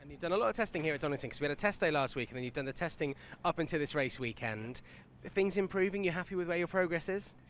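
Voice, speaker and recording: A man's voice: a little high, animated, rapid-fire, a bit bright, a little hiss or hum. A man presenting a motor race broadcast, chatting upbeat with drivers and his co-commentator. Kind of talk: trackside broadcast interviews.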